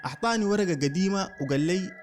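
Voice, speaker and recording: Brief: male narrator, higher voice, rapid dramatic horror storytelling, faint music under him. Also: animated. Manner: dramatic first-person storytelling.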